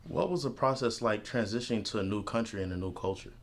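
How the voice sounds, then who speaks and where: A man interviewing, reading out scripted questions briskly. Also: on the low side.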